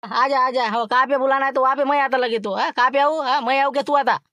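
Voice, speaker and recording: Man putting on a shrill brash dhaba owner. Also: fairly even intonation, fast talker, sharp tone, no room sound. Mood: challenging. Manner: brash, threatening, boastful. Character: blustering loud middle-aged male dhaba owner.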